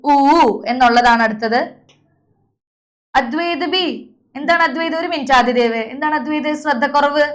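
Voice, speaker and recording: A woman's voice: sits high, moderate pace, pauses often, a bit bright. A young woman teacher leading an online class, calling on students by name and drilling letter sounds over a video call.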